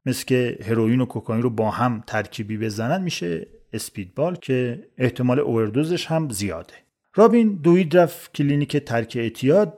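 A man's voice: mid-range voice, darkish tone. A man hosting a podcast, telling a life story in scripted, sarcastic narration with mock-pious asides. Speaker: podcast host.

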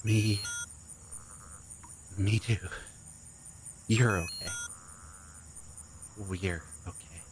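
An actor playing an earnest, apologetic man in love in an audio drama, halting and stammering tenderly. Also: fairly low pitch, fairly even intonation, background noise.

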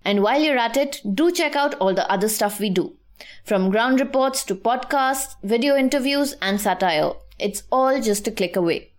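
A woman with an Indian English accent presenting scripted news in a measured, formal and articulate manner. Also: on the high side, expressive.

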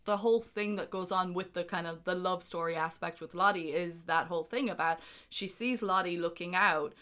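A woman co-hosting a casual film discussion podcast, enthusiastic and quick to laugh. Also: fairly low pitch, a bit bright. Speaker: podcast co-host.

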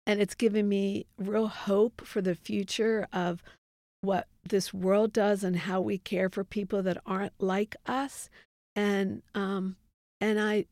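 A middle-aged woman speaks earnestly and reflectively as an interview guest. Her voice has a gravelly edge at a mid pitch. The sound is dry and close. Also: a little mellow, dry recording. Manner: earnest, reflective, quotes others in dialogue. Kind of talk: candid faith testimony.

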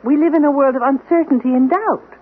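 A woman's voice: high-pitched, brisk, natural voice. A woman playing a prim, unflappable household servant. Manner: formal, unflappable, gently reproving. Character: composed, formal household servant, prim and lecturing. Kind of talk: 1970s radio drama acting. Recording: tinny old radio broadcast, faint hiss.

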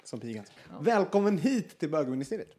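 A man's voice: a little high, sing-song, mellow. Guy hosting a chatty podcast, jokey and laughing, swoops up and down a lot. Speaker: podcast host. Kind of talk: casual podcast chat.

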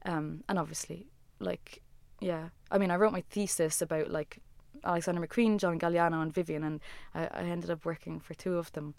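A woman with a smooth, clear, slightly low voice, recorded close and dry. She chats casually as an interview guest, rambling and scattering "like" fillers through her sentences. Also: fairly even intonation, normal speed, hardly any pauses, a little mellow, no room sound. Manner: rambling, heavy use of "like" fillers. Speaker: guest, musician and former designer.

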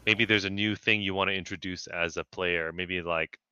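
A man's voice: low-pitched, fairly even intonation, normal speed, bright, forceful tone, smooth. A man talking as a podcast guest in casual chat, reflective and working through his thoughts with restarts. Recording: slightly dull lo-fi sound, dry.

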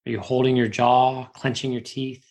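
Gravelly man leading a guided relaxation. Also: medium pitch, flat delivery, darkish tone. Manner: soothing, unhurried instruction with long pauses.

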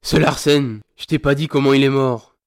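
A man's voice: mid-range voice, steady tone, moderate pace, natural voice. An actor playing a grieving, vengeful sergeant who snarls, taunts and swears at his captive. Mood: menacing. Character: grieving vengeful male sergeant, furious, crude. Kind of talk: audio drama acting.

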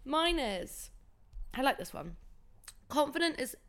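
A young woman hosting a casual podcast chat, expressive, giggly and over the top. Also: high voice, unhurried. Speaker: podcast host.

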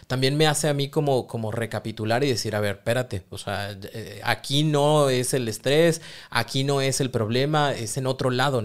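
Man, earnest and reflective, chatting casually with his partner. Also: mid-range voice. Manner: earnest, reflective, laughs easily. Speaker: co-host talking with his partner. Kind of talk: casual conversation.

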